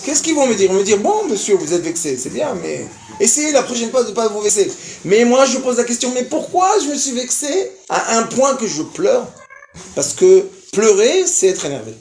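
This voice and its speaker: Man, 50s or older, rabbi lecturing, storytelling, acts out voices, wide-ranging pitch, roomy hall with faint background noise. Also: normal speed, creaky. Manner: animated, acts out dialogue, laughs while telling. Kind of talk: storytelling lecture to a live audience.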